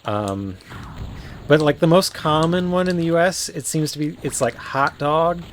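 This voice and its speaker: A man's voice: on the high side, lively intonation, moderate pace, a little hiss or hum. A man with an Ontario Canadian accent, chatting casually and rambling while he streams a game. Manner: rambling, musing, many fillers and restarts. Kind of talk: casual commentary while playing. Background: faint game music.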